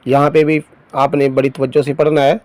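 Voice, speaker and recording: A man teaching Quran reading. He drills syllables in a slow chant, then explains quickly in a lower voice. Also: level tone, darkish tone, dry recording.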